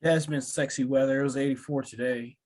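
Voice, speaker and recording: A man's voice: mid-range voice, fairly even intonation, fast, darkish tone. A man co-hosting a podcast in casual chat, teasing his friends in everyday slang. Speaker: podcast co-host.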